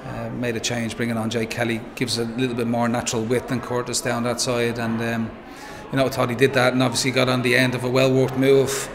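A man in his forties with an Irish accent, a football manager giving a measured post-match interview, full of "um" and "you know". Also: medium pitch, monotone, a crowd in the background. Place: pitchside interview backdrop, noisy. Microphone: handheld interviewer mic.

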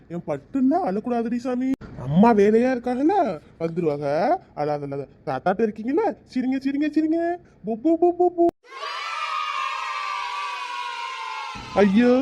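A woman voicing a gentle old grandfather. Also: medium pitch, lo-fi sound, a little hiss or hum, close to an everyday voice. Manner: soft, cooing. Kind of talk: cartoon voice acting.

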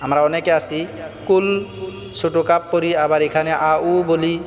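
A man giving a Quran pronunciation lesson, chanting verses slowly and melodically, then explaining quickly in between. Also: a little high, steady tone, long reverb tail, soft background music. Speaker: Quran recitation teacher.

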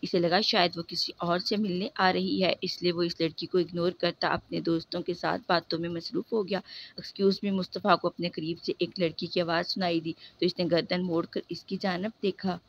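A woman narrating a novel in a steady, measured reading voice. Her pitch stays flat with little movement, and the recording sounds dull and muffled. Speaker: novel reader. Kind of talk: audiobook narration.

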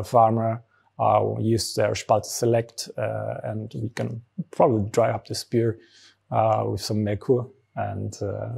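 A man in his thirties with a German accent, a brewery founder answering interview questions in a relaxed way with many fillers, on a lapel mic in a barrel room. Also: fairly low pitch, creaky, slightly rough. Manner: frequent fillers, relaxed explaining. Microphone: small lapel mic.

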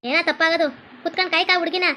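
A sharp-tongued village mother-in-law who rattles off her scolding at speed in a high voice, acted by a woman. She speaks with a North Karnataka Kannada accent, and faint room ambience sits behind her. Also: fairly even intonation, fast talker, slight background noise. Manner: scolding, nagging.

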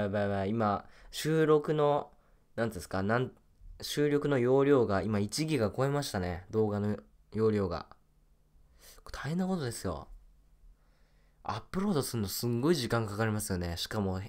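A young man with a lowish, somewhat dark voice chats casually as he plays a mobile game, muttering and repeating little phrases to himself in loose, rambling gameplay talk.

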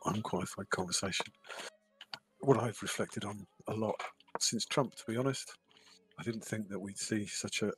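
A man's voice: sits low, a bit bright, husky, poor audio. A man streaming an online game, chatting casually and rambling with lots of "you know" fillers. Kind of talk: casual chat while gaming.

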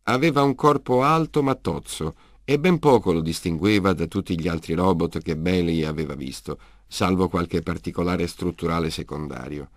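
A man narrating a science fiction audiobook in a steady, measured reading. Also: sits low, no room sound, studio quality.

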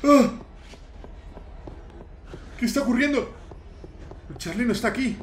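A man's voice: very high voice, a little slow, roomy sound, slight background noise. A man narrating his Minecraft play as a youtuber, hamming up fear and shrieking at scares. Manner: dramatic, shrieks in mock fear, talks to viewers. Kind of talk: Halloween let's play, playacted fright.

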